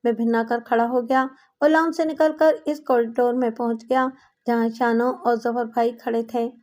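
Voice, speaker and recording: A woman's voice: a little high, steady tone, a little mellow. A woman narrating a crime story audiobook in a dramatic storytelling style.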